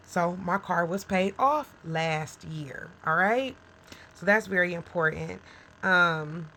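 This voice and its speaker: Low-quality audio with a little hiss or hum carries this woman's fairly low, bright, forceful voice. A small business owner in her forties, she speaks casually to camera, frank and encouraging, addressing the viewer directly and checking in with "okay?" and "right?"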